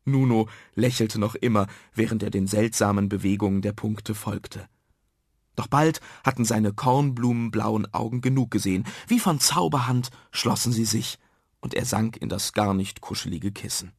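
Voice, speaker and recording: A man reading a bedtime story for children aloud in a lively, expressive way. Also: lowish voice, normal speed, husky, no room sound, studio quality. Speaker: narrator. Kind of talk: scripted bedtime story narration.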